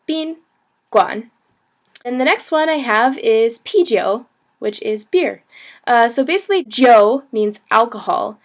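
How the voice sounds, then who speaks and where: A young woman in her twenties teaches travel phrases in a relaxed, chatty way. Her voice sits a little high, and she laughs often and fills her sentences with ums and likes. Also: unhurried. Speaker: language teacher and travel blogger. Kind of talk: casual video lesson.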